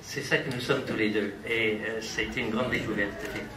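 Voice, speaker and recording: A man's voice: on the low side, fairly even intonation, fast, crowd noise. A man introducing and then reading his own poem aloud at a live poetry evening, in a rhythmic, playful, list-like delivery. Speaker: poet reading his work. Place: gallery at an evening event.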